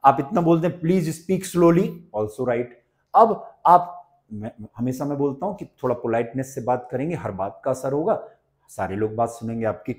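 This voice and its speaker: A middle-aged Indian man teaching spoken English, his pitch rising and falling a lot as he talks. He explains in Hindi, then says each English phrase slowly and carefully in an Indian accent. His voice sits at an ordinary middle pitch. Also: expressive.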